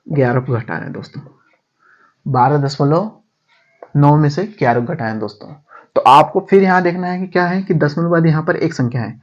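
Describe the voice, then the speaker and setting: A man, his voice a touch higher than most men's, walks through sums step by step in a casual, chatty lesson. He keeps throwing questions back at his viewers and calling them friends. The sound is dull and lo-fi. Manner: addresses viewers as friends, repeats steps, asks rhetorical questions. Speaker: maths teacher.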